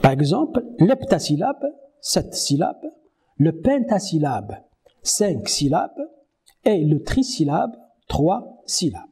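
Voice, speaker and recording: A man giving a university lecture on French verse, slowly reading poems aloud and counting their syllables. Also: a little high, sing-song, mellow, slightly rough. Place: Morocco.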